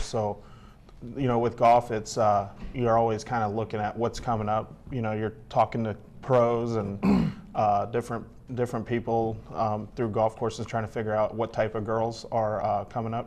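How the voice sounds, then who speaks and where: A man speaking as an assistant coach at a press conference, in a rambling, monotone way. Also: on the low side.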